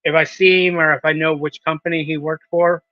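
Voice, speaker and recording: A man's voice: fairly high pitch, flat delivery, brisk, sharp tone, no room sound, lo-fi sound. A man in his thirties, a wrestling promoter, talking in a casual podcast interview with hesitant ums and restarts. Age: 30s.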